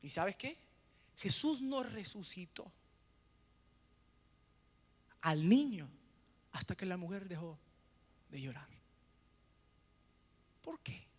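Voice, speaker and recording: Male preacher, high bright voice, rhetorical call-and-response questions, hushed then loud, echoey hall reverb. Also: sing-song, slow, pauses often. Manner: swings between hushed and loud emphatic bursts. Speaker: pastor. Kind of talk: sermon.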